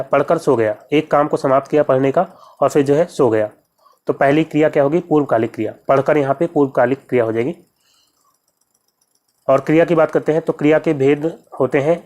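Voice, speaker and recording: In this exam-prep lesson, a patient teacher speaks at a middle pitch with a slightly mellow quality. Every practice question is read out with its choices, after which the correct answer is broken down step by step and important terms are slowly repeated.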